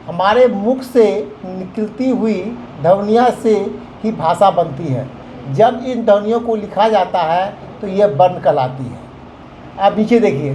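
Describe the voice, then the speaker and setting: A man's voice: high voice, mellow, a little hiss or hum, low-quality recording. A man teaching a grammar lesson to children, explaining step by step with examples.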